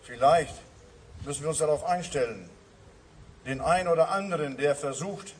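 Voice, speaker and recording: A man's voice: fairly high pitch, moderate pace, recorded from a distance, slight background noise, rough recording. A man preaching a sermon to his congregation, earnest and repeating his refrains. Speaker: pastor.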